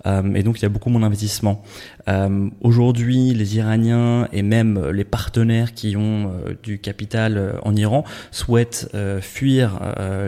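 A man answering interview questions at length, hesitant and filling pauses with frequent ums. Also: lowish voice, dark tone. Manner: hesitant, many "euh" fillers.

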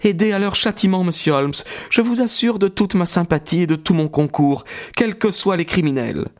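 A composed young woman, put on by a male narrator, speaks with firm, earnest dignity in a raised, lighter voice. Her tone stays steady and resolute. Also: high voice, moderate pace, pitched above the performer's own voice. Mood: determined. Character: proud, composed young woman, grieving fiancée.

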